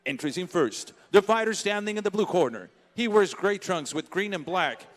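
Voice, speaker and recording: This is a man announcing a fight from the center of the cage in a high voice. His delivery swoops up and down a great deal, formal and ceremonial. He stretches the fighters' names into long, booming calls. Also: lively intonation, normal speed. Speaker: ring announcer. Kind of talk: bilingual fight introductions.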